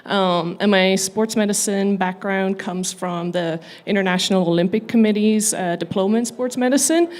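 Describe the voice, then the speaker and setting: A middle-aged woman from Ireland answering on a live panel. She talks at a mid pitch and explains things in a measured, careful way. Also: a little mellow. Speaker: panel guest, physician.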